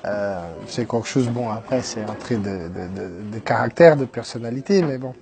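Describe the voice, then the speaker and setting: A Brazilian entrepreneur, 30s, speaks French at normal speed in a darkish, medium-pitched voice with slight background noise behind him. Guesting on a radio interview about his life, he keeps hesitating, restarting and filling gaps, his first language being Portuguese.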